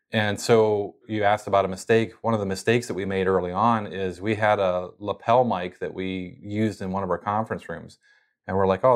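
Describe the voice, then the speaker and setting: A man with a fairly low voice is a guest on an interview, casually describing how he runs his company's podcast. His talk is full of fillers and restarts.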